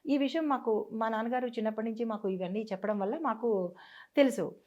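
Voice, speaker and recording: A woman guest telling a personal story in a conversation, earnest and halting, restarting and repeating herself. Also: fairly high pitch, a little mellow. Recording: dull lo-fi sound.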